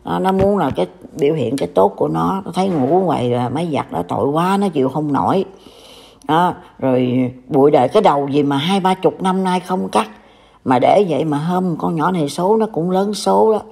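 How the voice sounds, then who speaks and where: Older southern vietnamese lady scolding someone online, gravelly fry in her voice. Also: deep voice, a little fast, warm tone. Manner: scolding, reproachful. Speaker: commentator. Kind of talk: casual online talk.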